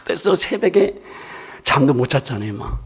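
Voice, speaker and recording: A man's voice: medium pitch, very animated, normal speed, slight background noise. An older man, a pastor, preaching a sermon in a church in a conversational, emphatic storytelling way.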